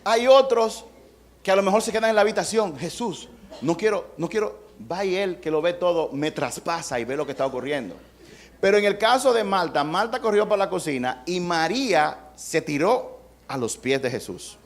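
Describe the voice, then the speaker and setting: Fairly high-voiced man preaching a sermon. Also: lively intonation, moderate pace. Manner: conversational preaching with acted-out quotes and humor. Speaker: pastor.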